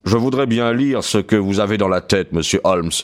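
Male reader as a probing, doubtful police inspector; audiobook, low register. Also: moderate pace, natural voice.

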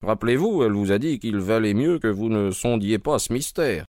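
A man's voice: fairly low pitch, lively intonation, normal speed, darkish tone, dry recording, natural voice. Brief: a man doing a composed detective in an audiobook, level, thoughtful, dry close sound. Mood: measured. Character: calm, measured detective, man.

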